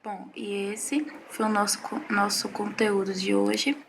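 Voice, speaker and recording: Woman teacher, gravelly tone, mid-pitched, patient explainer, slight noise behind. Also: level tone. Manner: measured, explaining slowly with frequent "certo?" checks. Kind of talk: recorded Portuguese lesson.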